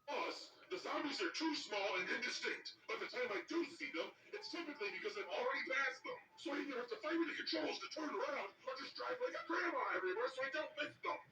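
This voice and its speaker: An actor playing an irritable, sarcastic werewolf in a scripted comedy game review, complaining with dry insults. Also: male voice, extremely high pitch, very animated, quick pace, few pauses, sharp tone, exaggerated voice. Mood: exasperated. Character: sarcastic, irritable werewolf man forced to play bad video games. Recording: roomy, distant, music underneath. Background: music.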